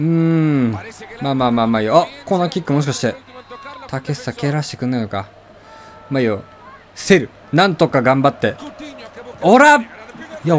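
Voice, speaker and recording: A young man giving casual, chatty commentary while playing a soccer video game, with sudden excited outbursts. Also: medium pitch. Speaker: gaming commentator. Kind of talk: casual let's-play commentary.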